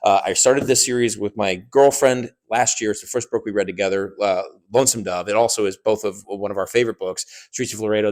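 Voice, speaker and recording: A young man casually talking through his reading plans on his own channel, rambling and correcting himself with plenty of enthusiasm. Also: lowish voice. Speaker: book YouTuber.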